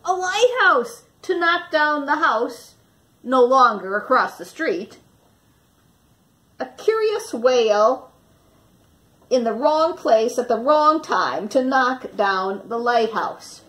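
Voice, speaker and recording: A picture book is read aloud to children by a woman whose high voice moves animatedly up and down. She stops for dramatic pauses and puts questions to the kids listening.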